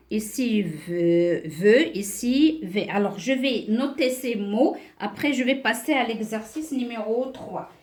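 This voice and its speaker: A woman teaching a beginner French class, speaking slowly and patiently, spelling out letters and syllables and checking understanding with questions. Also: a little high. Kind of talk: beginner French lesson at a board.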